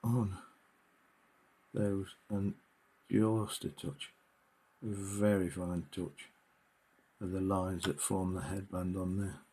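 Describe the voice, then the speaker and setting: A man's voice: low voice, steady tone, slow pace, warm tone, husky. A man giving a casual miniature painting tutorial, talking hesitantly with many fillers.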